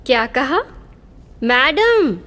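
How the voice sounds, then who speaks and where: A woman's voice: high-pitched, very animated, very slow, full character voice. A woman dubbing a chatty, teasing young teacher meeting an old school friend. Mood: cheerful. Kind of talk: Hindi film dub. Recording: dubbed film, reverb, music underneath.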